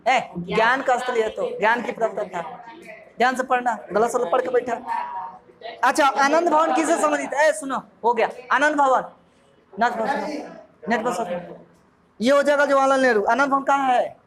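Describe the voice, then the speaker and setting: A man's voice: very high voice, moderate pace, long pauses, crowd noise. A man from Bihar with a Bihari accent, a coaching teacher running a jokey quiz revision and quizzing his class. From Bihar, India. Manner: jokey, asks the class questions. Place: classroom full of students. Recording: noisy crowded classroom. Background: students in the room.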